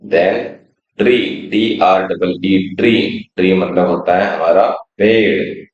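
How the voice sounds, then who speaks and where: A deep-voiced man with fairly even intonation teaches children phonics, patiently spelling each word slowly letter by letter before giving its Hindi meaning. He checks in often with "theek hai." The recording sounds roomy and slightly dull.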